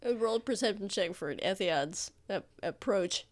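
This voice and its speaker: A woman's voice: medium pitch, expressive, a little slow. Casual woman running a tabletop game. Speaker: game master. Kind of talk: casual improvised tabletop narration.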